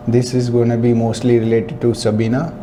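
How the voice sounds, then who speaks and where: A man's voice: mid-range voice, level tone, fairly quick, dark tone, slight background noise. A man hosting a casual vlog interview, talking in a friendly, loose way.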